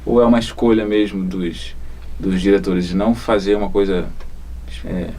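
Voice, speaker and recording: A man's voice: low voice, steady tone, moderate pace, warm tone. A man hosting an interview, asking loose questions and searching for his words. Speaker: interviewer host.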